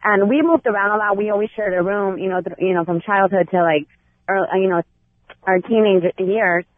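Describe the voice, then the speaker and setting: A woman's voice: mid-range voice, no room sound. Earnest woman caller on phone line. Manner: earnest, halting with fillers. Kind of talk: telling a personal story.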